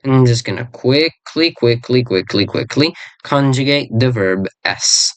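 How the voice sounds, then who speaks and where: A person giving a casual lesson on an invented language, rambling, searching for words and correcting themselves, and repeating words slowly. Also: medium pitch, expressive, no room sound.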